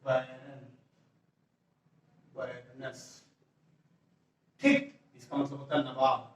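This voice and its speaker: High-voiced male teacher in an echoey room. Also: unhurried, a bit bright, distant mic, muffled recording, slight background noise. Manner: explaining step by step, repeating words and asking rhetorical questions. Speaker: English teacher. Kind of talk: classroom grammar lesson.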